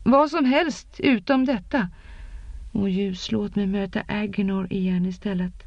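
A woman's voice: medium pitch, a little mellow, dry recording, lightly acted. A woman voicing a frightened young woman who insists and pleads to escape. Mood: desperate. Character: frightened, defiant young woman refusing a dream life. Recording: dull lo-fi.

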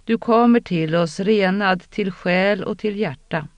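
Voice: medium pitch, no room sound, lightly acted. A narrator intoning a solemn ritual priestess. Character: solemn woman priestess performing a rite.

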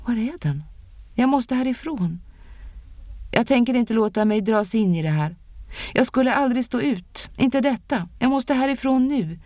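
A woman's voice: on the low side, lively intonation, no echo. A woman voicing a frightened young woman who insists and pleads to escape. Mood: desperate. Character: frightened, defiant young woman refusing a dream life. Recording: dull lo-fi.

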